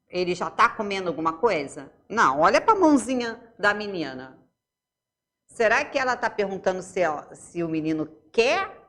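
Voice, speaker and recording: A woman's voice: mid-range voice, a bit bright. A woman teacher with a Brazilian Portuguese accent, giving a remote lesson to young pupils, explaining step by step and asking checking questions.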